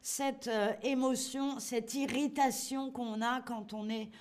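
A woman with a fairly high voice leads a live online language lesson. She talks slowly and playfully and keeps putting questions to her viewers. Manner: lively, playful, asks learners questions and answers chat. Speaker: French teacher.

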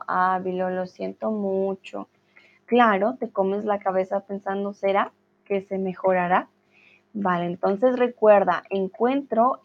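A woman teaching a live-stream Spanish lesson, reading viewers' comments aloud and answering each one with encouragement. She talks slowly and patiently in a mid-range voice, and the stream audio sounds dull and lo-fi. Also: medium pitch.

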